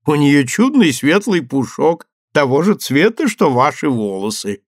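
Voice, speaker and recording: A man voicing a stern, unflappable older spinster nurse who speaks calmly and curtly. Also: fairly high pitch, unhurried, no room sound, studio quality, pitched above the performer's own voice. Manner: calm, curt.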